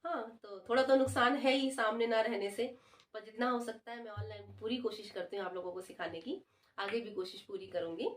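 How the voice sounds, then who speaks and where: High-voiced woman teaching dholak. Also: a little fast. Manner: patient, repeats counts loudly while drumming. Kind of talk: online music lesson, counting beats aloud. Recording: dholak drumming behind the voice.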